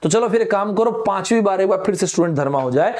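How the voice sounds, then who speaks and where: This high, expressive and slightly mellow male voice moves at a quick pace. A young Indian man is teaching vocabulary online in a lively Hindi lesson, playfully acting out both himself and his students and quoting lines from films.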